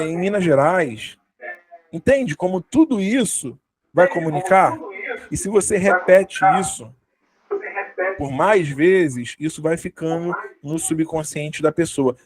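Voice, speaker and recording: A man's voice: fairly high pitch, poor audio. A young man with a Brazilian Portuguese accent giving a conversational workshop talk, full of fillers and tag questions. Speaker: workshop speaker on communication.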